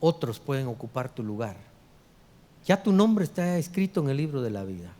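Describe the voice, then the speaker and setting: A middle-aged man, a pastor preaching a sermon, dropping to hushed low lines and rising for loud quoted voices. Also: very animated, normal speed. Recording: long hall reverb.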